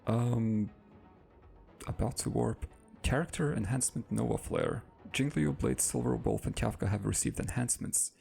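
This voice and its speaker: A man's voice: lowish voice, very animated, moderate pace, vocal fry, darkish tone, faint music behind. A man casually thinking aloud while playing a game and reading its text out as he goes. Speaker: gaming let's-play host.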